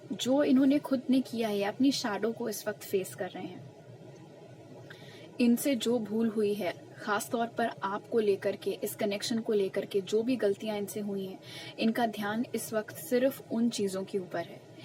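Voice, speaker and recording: Shuffling her cards, a tarot reader asks soft, slow questions under her breath, then earnestly stresses each message of her pick-a-card reading. She's young, with a medium-pitched, fairly even voice, and the rough recording carries some hiss or hum.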